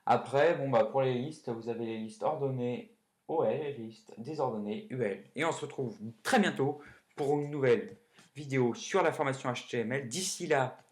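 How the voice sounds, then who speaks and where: A man's voice: medium pitch, normal speed. A man hosting a casual coding lesson, chatty and full of fillers, self-corrections and little joking asides. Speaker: coding tutorial host.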